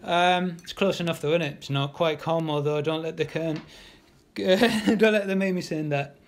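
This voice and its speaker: A man's voice: a little high, moderate pace. A man leading a live draw-along painting class, chatty and encouraging, talking as he paints with lots of ums and restarts. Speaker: illustrator teaching a live art class.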